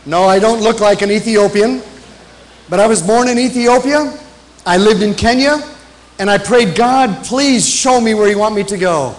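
Preaching a sermon from the pulpit of a large church, a middle-aged guest missionary pastor who grew up in Africa speaks in a voice high for a man. He hammers home his main points through repetition and slows when reading scripture, heard through a pulpit microphone on a rough recording.

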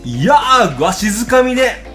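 A man with a Kansai accent hosts a casual reaction video, his voice leaping all over the place as he thinks out loud and bursts into exclamations. A music video plays faintly behind him. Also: extremely high pitch, normal speed. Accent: Kansai Japanese. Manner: excitable, thinking aloud with frequent exclamations. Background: faint music video playing.

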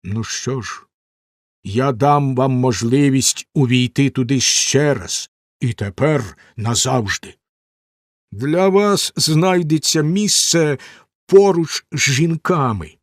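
A man voicing a cruel, menacing nobleman husband in a storybook reading, with slow, stern, threatening delivery. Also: fairly high pitch, wildly swooping pitch, no echo, studio quality, voice pushed up, exaggerated voice.

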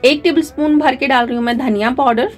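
A woman hosting a channel, narrating a recipe in a calm, step-by-step way frequent fillers and mixed in. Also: high voice, fast talker, faint music behind. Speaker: cooking channel host.

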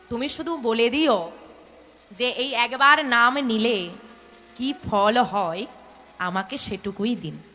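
A woman's voice: very high-pitched, pushed and bright, exaggerated voice. A woman doing a patient old holy man. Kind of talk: devotional storytelling. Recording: echoey hall, faint music.

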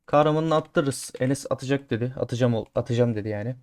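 A man streaming a game and talking his viewers through each try in a casual, chatty way. He grumbles when things go wrong and cheers loudly when they go right. His voice sits in an ordinary middle pitch. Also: fast. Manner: chatty, talks to viewers as he plays; swings between grumbling and loud cheering. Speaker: gaming streamer. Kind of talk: casual gameplay commentary.

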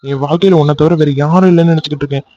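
A man's voice: fairly high pitch, steady tone, very fast, mellow, dull audio, slight background noise, lightly acted. A man voicing a young man in a cartoon love story, pleading insistently with his angry girlfriend. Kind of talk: cartoon voice acting.

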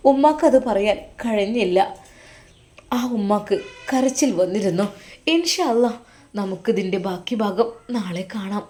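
A woman's voice: medium pitch, darkish tone. A woman telling a story in earnest, emotive narration as the storyteller of the channel.

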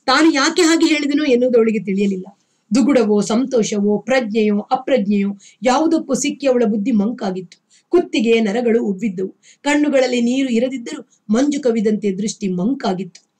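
A woman narrating a novel as an audiobook reader, in a steady, expressive storytelling manner. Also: fairly high pitch, normal speed. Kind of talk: scripted literary narration.

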